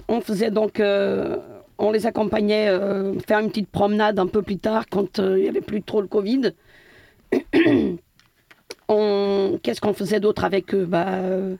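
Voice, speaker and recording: Gravelly middle-aged woman from Portugal. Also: medium pitch, warm tone, no room sound. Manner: hesitant, many fillers and restarts. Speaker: guest, building caretaker. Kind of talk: casual interview answers.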